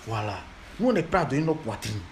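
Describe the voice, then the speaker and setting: A man's voice: medium pitch, big pitch swings, quick pace, a little hiss or hum. A man, lecturing and scolding fans in a repetitive, emphatic monologue. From Ivory Coast.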